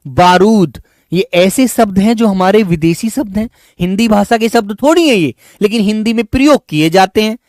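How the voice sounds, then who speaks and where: A man's voice: high-pitched, normal speed, a little mellow, dry recording, studio quality. A man teaching an online exam-prep class. He lists example words one at a time, calls his students his children and keeps checking "is it not?".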